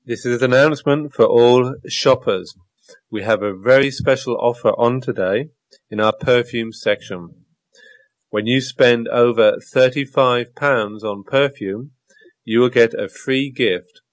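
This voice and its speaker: A man reading scripted public announcements in a measured, formal way, with a few small hesitations. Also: medium pitch, dry recording. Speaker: announcer in a listening exercise.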